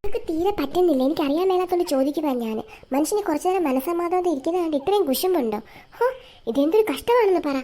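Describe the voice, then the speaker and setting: A high, quick, scolding mother, played by a child. She nags her family in long, complaining tirades. The bits are short, like a comic family sketch. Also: lively intonation. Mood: irritated. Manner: sharp, nagging, complaining tirades. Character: irritable middle-aged mother, always scolding. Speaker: comedy sketch actor. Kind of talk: family comedy skit.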